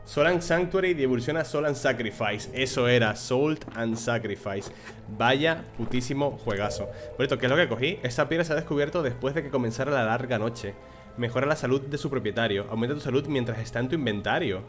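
A man's voice: mid-range voice, fairly quick, music in the background. A man from streaming a video game, chatting casually with his viewers and reading the game's text aloud. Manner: casual, chatty, talks to chat and reads dialogue. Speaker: gaming streamer.

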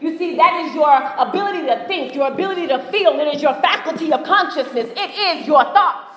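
An American woman, high-voiced, expressive, fairly quick and fairly bright in tone, tells a story during a motivational conference speech. She speaks straight to the audience in a large hall, and the recording carries long, echoey reverb.

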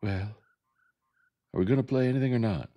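A gravel-voiced man voicing a bossy, boastful older boy in a storybook reading. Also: mid-range voice, brisk, muffled recording, voice pushed up, natural voice. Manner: bossy, hollering.

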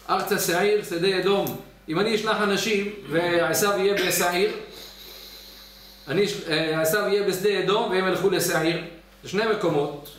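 A rabbi gives his weekly Torah class in a high, bright register. He tells the story with animation and acts out the voices in it. His voice rings around a very echoey study hall, picked up by a mic set some way off. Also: distant mic. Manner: lively storyteller who acts out the quoted voices.

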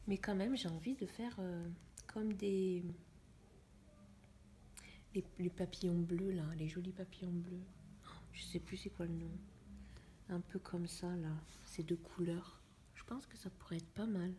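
A young woman chatting in a casual coloring vlog, musing to herself in a soft, often half-whispered voice. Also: lowish voice, fairly even intonation, a little slow, pauses often, a little hiss or hum. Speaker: vlogger. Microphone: phone camera.

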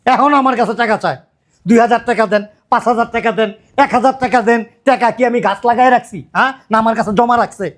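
Guy doing a fast-talking dad-in-law, high voice, yelling and nagging nonstop. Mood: furious. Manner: shouting, berating, repetitive rants. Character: loud scolding middle-aged father-in-law. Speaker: angry father-in-law.

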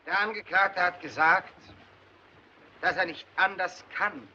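A stern crime-boss judge, high bright voice, cold and commanding. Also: male voice, unhurried, lo-fi sound, a little hiss or hum, heavily acted. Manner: stern, prosecuting, building to shouts. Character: cold, commanding male crime boss presiding over a trial. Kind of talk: 1930s film drama acting.

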